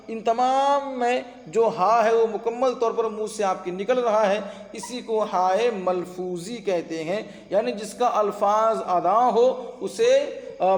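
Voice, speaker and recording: Teacher guy, high voice, asks then answers himself, echoey reverb. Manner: drills with questions and answers; addresses students as companions. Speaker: Urdu teacher. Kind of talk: online grammar lesson. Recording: echoey room with long reverb.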